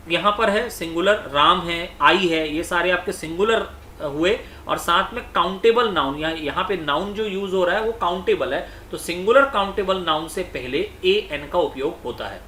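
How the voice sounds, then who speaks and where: Man teaching slowly in an echoey room. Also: high-pitched, sharp tone, slight background noise. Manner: slow, repetitive explaining, reading example sentences aloud. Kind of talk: online exam-prep lecture.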